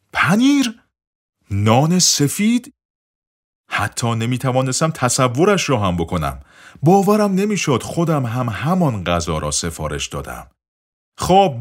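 A man narrating a first-person audiobook. His voice is low, and his reading swings widely in pitch. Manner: expressive storytelling reading.

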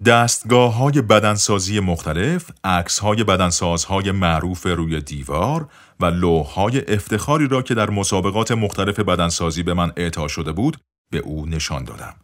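A man reading a first-person story aloud in an expressive storytelling way. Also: low-pitched. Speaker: narrator. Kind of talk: first-person audiobook narration.

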